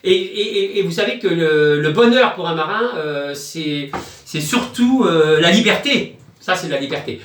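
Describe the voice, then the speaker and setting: High-voiced joking man, echoey room. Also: expressive, moderate pace, fairly bright tone, distant mic. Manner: chatty, crude jokes, chants nonsense magic words. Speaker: video host. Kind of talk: rambling joking vlog.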